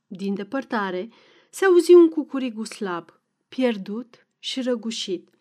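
A woman narrating a classic novel as an audiobook, measured and expressive. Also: a little high.

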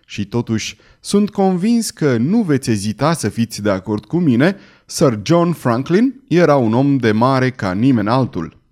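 A man's voice: on the high side, sing-song, darkish tone, voice pushed up. A man reading an audiobook, voicing a fussy, pedantic male entomologist who takes offense easily. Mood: prim.

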